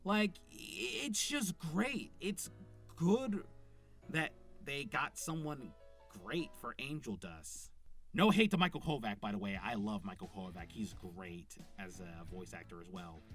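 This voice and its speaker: A man's voice: on the low side, moderate pace, fairly bright tone, faint music behind. A man who voices characters himself, giving enthusiastic, rambling unscripted commentary with plenty of fillers. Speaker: voice actor reviewing a show.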